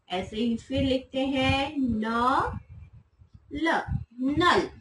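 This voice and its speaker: Slow, patient kindergarten teacher woman. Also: high-pitched, a bit bright, slight background noise, poor audio. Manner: slow, patient, repeating each word for children to follow. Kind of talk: online class for young children.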